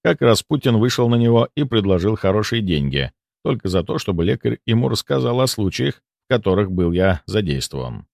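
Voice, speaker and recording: A man narrating a first-person audiobook in a lively, expressive reading. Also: on the low side, fairly quick, vocal fry, no room sound, studio quality.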